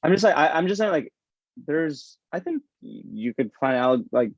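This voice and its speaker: A man chatting casually as a podcast guest, animated and rambling, laughing often. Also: a little high, moderate pace, dry recording. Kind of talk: casual chat. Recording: dull, dry lo-fi sound.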